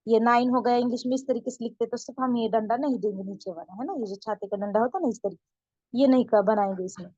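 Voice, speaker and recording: A woman teaching an online beginner lesson, patiently repeating herself and checking in with her students, drawing out her counting slowly. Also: a little high, warm tone, no room sound, dull audio. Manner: slow drawn-out counting. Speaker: Urdu teacher.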